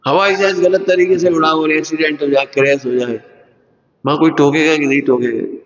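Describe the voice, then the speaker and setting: Addressing students in a large school lecture hall, a man delivers a Hindi religious sermon, firing off one rhetorical question after another and acting out everyday quarrels in other people's voices. His voice sits on the high side and moves fairly quickly. The dull, lo-fi recording carries a long hall reverb.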